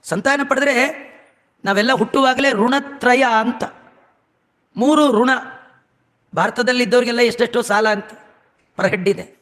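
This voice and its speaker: A man's voice: very high voice, unhurried, long pauses, fairly bright tone. A man giving a storytelling sermon, chanting verses and making humorous, scolding asides to his listeners. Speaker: religious discourse speaker. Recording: echoey hall.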